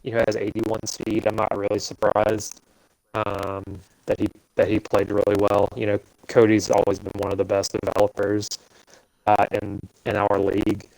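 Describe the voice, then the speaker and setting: A man's voice: fairly low pitch, monotone, moderate pace, gravelly, a little mellow, slight background noise, rough recording. A man co-hosting a casual live stream about a sports simulation league, speaking offhandedly with dry jokes. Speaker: league show co-host.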